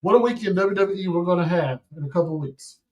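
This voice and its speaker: A man hosting a watch-party stream, calling the action excitedly and giving blunt opinions in a casual chat. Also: high-pitched, fast. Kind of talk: casual live-stream commentary.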